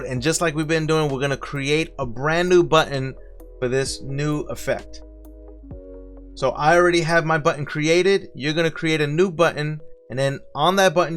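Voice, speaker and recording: A man's voice: on the high side, fairly bright tone. Friendly Brooklyn-accented man giving a tutorial. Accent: Brooklyn New York. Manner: friendly, talks viewers through each click. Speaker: streaming tutorial host. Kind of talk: casual step-by-step software tutorial.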